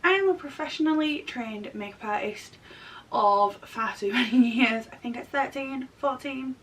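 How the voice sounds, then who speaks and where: A woman in her thirties, a makeup artist and vlogger, chats casually through a makeup tutorial while recovering from a throat and chest infection. Her voice is a bit bright at a normal speed, and the distant mic picks up rumbly background noise.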